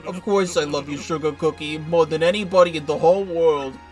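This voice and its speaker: Man doing a smitten young mobster, soft, coaxing, faint game music. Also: on the high side, a little fast, lightly acted. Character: smitten young male mob second-in-command.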